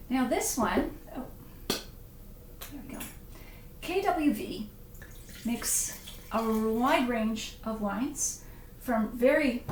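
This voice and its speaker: Middle-aged lady chatting through a wine tasting, a bit high-pitched, roomy echo, faint background noise. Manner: chatty, punning, reads viewer comments aloud. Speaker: wine writer hosting a live stream. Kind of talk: casual live-stream wine tasting. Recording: echoey room, faint ambience.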